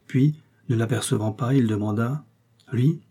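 A man reading a novel aloud as an audiobook narrator, steady and measured. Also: mid-range voice, slightly rough.

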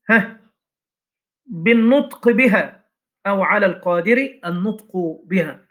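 Guy teaching fiqh, highish voice, reads a line then explains it w/ questions n examples. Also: fairly bright tone. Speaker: teacher of Shafi'i jurisprudence. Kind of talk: classroom lecture explaining a legal text.

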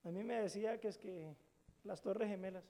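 A middle-aged man preaches to his congregation. His voice sits high and carries a gravelly edge. He tells stories casually and jokes as he goes, throwing questions out to the audience. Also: normal speed, dark tone. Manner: colloquial, joking storytelling with questions to the audience. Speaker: pastor. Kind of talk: sermon.

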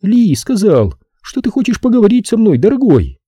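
A man's voice: high voice, wildly swooping pitch, normal speed, warm tone, slightly rough, no echo, studio quality, pitched above the performer's own voice, exaggerated voice. A man putting on a coy scheming woman. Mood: coaxing. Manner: sweet, wheedling, falsely innocent. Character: Zelda, coy scheming woman feigning innocence.

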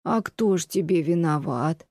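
A woman's voice: on the low side, darkish tone, no room sound, studio quality. A woman reading as a fretful old landowner lady. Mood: reproachful. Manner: slow, plaintive scolding. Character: lonely old female landowner, fretful and reproachful. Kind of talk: audiobook reading of classic prose.

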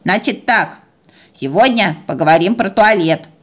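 A woman's voice: mid-range voice, expressive, fairly bright tone. A woman playing a bossy lecturing cat. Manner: slow, lecturing, scolding. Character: bossy adult female cat, self-important teacher.

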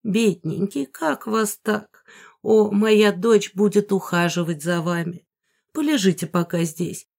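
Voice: medium pitch, takes it slowly, gravelly, darkish tone. A reader voicing a fussy, scheming middle-aged mother bent on marrying off her daughters, theatrical and bossy. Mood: fake concern. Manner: theatrical, bossy, hissing when whispering.

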